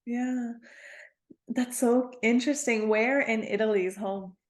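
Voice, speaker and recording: A woman's voice: fairly high pitch, fairly even intonation, unhurried. A woman hosting a podcast, upbeat and friendly as she introduces and interviews a guest. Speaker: podcast host. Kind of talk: casual interview conversation.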